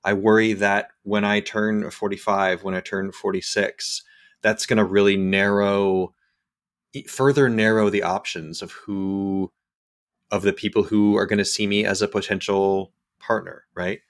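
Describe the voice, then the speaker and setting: A podcast host in his forties leads a reflective, casual conversation in a lowish, steady voice at a measured pace. He thinks aloud and sounds hesitant, often restarting and repeating words as he searches for his thoughts.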